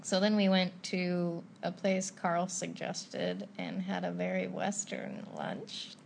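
A young woman talks through her day in easygoing vlog chat, giggling and teasing as she goes. Her voice has a gravelly, fry-tinged edge over a faint hiss of background noise. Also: lowish voice, fairly even intonation, takes it slowly. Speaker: travel vlogger. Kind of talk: casual chat.

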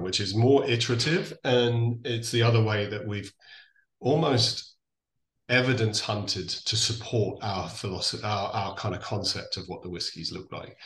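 An Irish man from Donegal explaining things in a conversational interview, thoughtful and halting, often restarting and correcting himself. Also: lowish voice, a bit bright. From Donegal, Ireland. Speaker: interview guest, distillery founder. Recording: echoey room sound.

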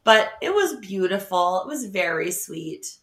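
A woman's voice: mid-range voice, unhurried. A middle-aged woman chatting casually as a podcast co-host, telling stories and laughing often. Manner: animated storyteller, laughs often, acts out quotes. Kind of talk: casual chat. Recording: roomy echo.

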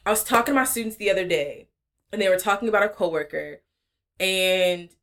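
A woman co-hosting a podcast, thinking aloud in a relaxed, reflective chat. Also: medium pitch, a little fast, slight background noise. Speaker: podcast co-host. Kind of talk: casual chat.

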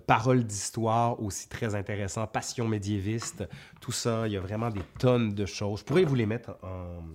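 A man speaks in a fairly low voice with a clear Quebec French accent. He chats casually to viewers as a host, reading out their questions and answering them off the cuff. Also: darkish tone. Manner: conversational, reads questions aloud then answers off the cuff. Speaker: history video host.

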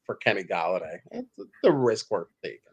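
A man's voice: sits low, wildly swooping pitch, a little fast, husky, muffled recording. A man hosting a casual fantasy football podcast, laid-back and joking, often chuckling as he talks. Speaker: podcast host.

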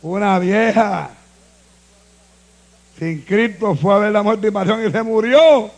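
A man preaches a slow sermon as a pastor, moving between low, quiet passages and shouted calls to the congregation.

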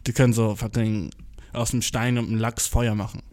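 A man's voice: on the low side, brisk. Slangy, swearing young man telling a story. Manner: slangy, swears a lot, mixes English words; self-mocking, excitable, stumbles over words. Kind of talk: casual storytelling monologue.

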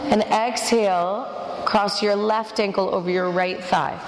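A woman's voice: medium pitch, steady tone, a little slow, a little hiss or hum. Woman yoga instructor in an echoey hall. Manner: directive step-by-step cueing with counted breaths. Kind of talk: yoga class instruction, short counted cues. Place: large echoey indoor studio with a class. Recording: echoey hall with music behind. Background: music.

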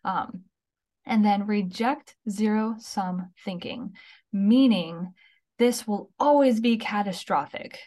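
A woman's voice: medium pitch, takes it slowly, warm tone. A woman in her thirties co-hosting a talk podcast, giving casual advice in a chatty way, often checking in with "okay?" and "right?". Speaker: podcast co-host.

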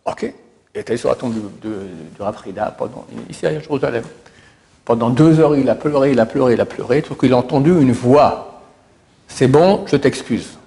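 A man's voice: medium pitch, vocal fry, warm tone. A middle-aged man casually retelling religious miracle stories, often stumbling and repeating words as he goes. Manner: halting, repeats and restarts words. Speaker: storyteller.

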